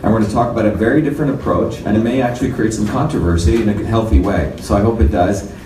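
A man's voice: lowish voice, fast talker. A man in his fifties from India, giving a conversational, explanatory conference talk with slides. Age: 50s. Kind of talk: lecture with slides. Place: conference room. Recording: roomy hall, far from mic, faint noise.

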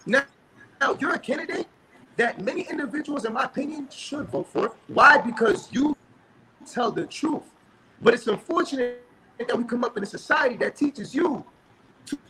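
A young man's high voice comes through a crackling phone connection, with faint hiss under it. He speaks earnestly and builds to forceful emphasis. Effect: crackling phone line. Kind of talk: passionate call-in speech.

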